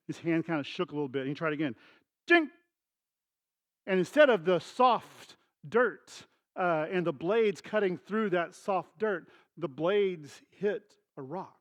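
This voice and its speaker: A middle-aged pastor delivers his sermon in a high voice. He talks to the congregation casually and acts out scenes with voices and sound effects. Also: lively intonation, normal speed, few pauses. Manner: storytelling with acted dialogue and sound effects; conversational, addresses congregation directly.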